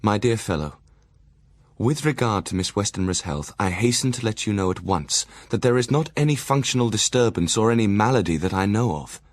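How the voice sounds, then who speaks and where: A man acts a conscientious Victorian doctor in an audio drama, setting down his diary and letters. His voice is fairly low, with a formal, measured delivery. The recording is dry and close. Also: expressive, no echo, close to an everyday voice. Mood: formal, concerned. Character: Dr Seward, serious, conscientious Victorian asylum doctor.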